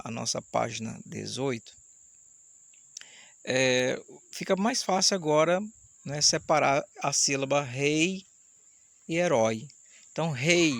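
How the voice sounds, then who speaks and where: A man teaching an online Portuguese grammar lesson, explaining step by step and slowing down to sound out syllables. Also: mid-range voice, vocal fry, fairly bright tone. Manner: explanatory, slows down to spell out syllables. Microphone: camera mic, camera switched off.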